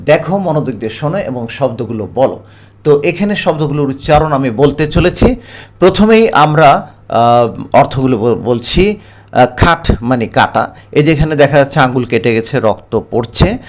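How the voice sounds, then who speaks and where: A man, an English teacher giving a recorded lesson. He explains step by step and reads each English phrase slowly. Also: mid-range voice. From Bangladesh.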